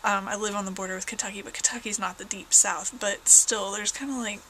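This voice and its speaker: On a low-quality recording with slight hiss or hum, a young adult woman vlogs casually from home, rambling in a southern Indiana accent while sounding a bit congested. She speaks at medium pitch, steady and sharp-toned, a little fast, correcting herself and using fillers a lot.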